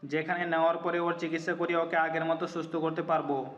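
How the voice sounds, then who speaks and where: A man playing a remorseful, devoted young lover in a romantic audio story, speaking in an earnest, measured way. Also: on the high side, level tone, natural voice. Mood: resolute. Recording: muffled audio, music behind.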